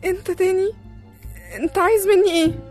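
A woman's voice: a little high, fast talker, dark tone, faint music behind, lightly acted. A woman with an Egyptian Arabic accent acting a frightened young mother on a phone call in an audio drama. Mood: terrified. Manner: anxious, distressed.

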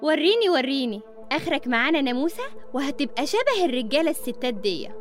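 Brief: woman voicing taunting island woman, high and quick. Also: sing-song, music in the background. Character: mocking island woman, bossy.

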